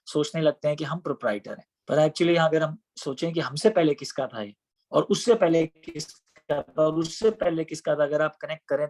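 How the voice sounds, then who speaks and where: A man giving a devotional scripture class in a conversational way, often asking rhetorical questions. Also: fairly high pitch. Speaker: scripture teacher.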